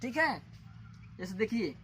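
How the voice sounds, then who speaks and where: A woman from India teaching a grammar lesson, explaining slowly, repeating terms and asking questions that she then answers herself. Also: a little high, sing-song, a bit bright, breathy edge.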